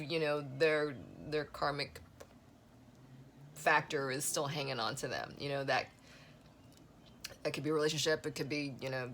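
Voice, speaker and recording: A woman giving a casual spoken tarot reading, rambling with many fillers and a voice that is going hoarse. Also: low-pitched, a bit bright, a little hiss or hum. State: losing her voice. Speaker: tarot reader.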